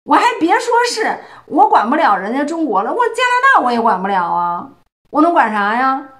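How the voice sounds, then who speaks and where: A woman's voice: sits high, huge pitch swings, moderate pace, fairly bright tone. A woman from China giving a solo political commentary, emphatic and full of rhetorical questions. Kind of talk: solo opinion monologue.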